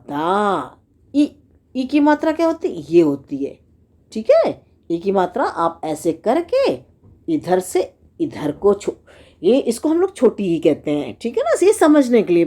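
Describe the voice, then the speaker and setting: A woman's voice: on the high side, a little mellow. A woman teacher with a Hindi accent explaining a lesson to children, asking questions and answering them herself as she sounds out syllables. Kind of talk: slow classroom explanation for children.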